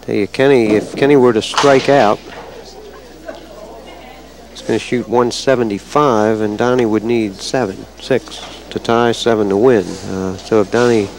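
A man's voice: fairly low pitch, steady tone, a little slow, creaky. Chatty male bowling color commentator. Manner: chatty, works out scores aloud.

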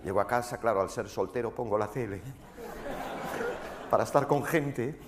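A man performing a brash, foul-mouthed stand-up monologue on a theater stage, mimicking voices and breaking into shouts. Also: medium pitch, moderate pace. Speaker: stand-up comedian. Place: theater stage before a live audience. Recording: live stage recording with crowd and noise. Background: audience laughter.

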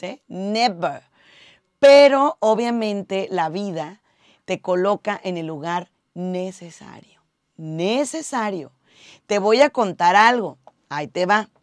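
A woman's voice: mid-range voice, dry recording, studio quality. A woman, a radio host giving upbeat, direct public speaking tips from her radio booth. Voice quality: slightly husky. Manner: upbeat, direct, addresses viewers as family. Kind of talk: motivational tip video. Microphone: studio mic with monitoring headphones.

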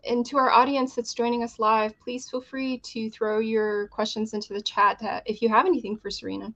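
Upbeat Texan woman host, slightly high voice, dull muffled call sound. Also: level tone, brisk, a bit bright. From Texas. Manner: upbeat, friendly interviewer. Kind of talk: casual chat.

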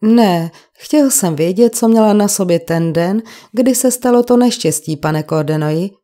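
A woman's voice: medium pitch, warm tone, close to an everyday voice. Insistent male detective, probing questions, raised and pressing, read by a woman in a crime audiobook. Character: persistent male police detective questioning a witness.

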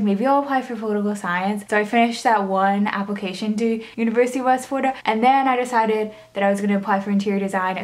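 A young woman vlogging from her bedroom in an informal, casual way, peppering her talk with "like". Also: medium pitch. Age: young adult. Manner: informal, frequent "like". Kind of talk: casual chat to camera. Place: small bedroom, indoors.

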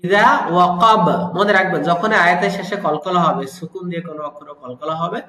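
A man teaching Quran recitation, patiently explaining and slowly repeating each sound to demonstrate it. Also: on the high side, pushed and bright. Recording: roomy echo.

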